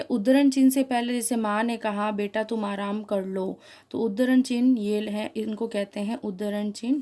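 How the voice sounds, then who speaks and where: A woman teaching a school grammar class, her voice mellow and warm rather than bright. She explains step by step in a clear, deliberate way, pausing on each example and setting right her own small slips. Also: mid-range voice.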